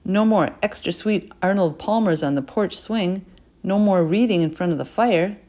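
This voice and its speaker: A woman narrating a children's chapter book in an expressive storytelling voice, dropping quietly into asides. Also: medium pitch, normal speed. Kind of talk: audiobook reading.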